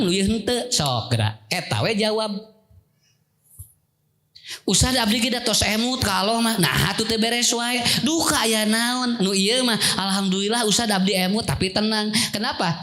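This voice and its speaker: Lively Sundanese-accented male preacher. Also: high-pitched, moderate pace. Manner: lively, jokey, acts out quoted characters and calls on the audience. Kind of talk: sermon storytelling to a live congregation.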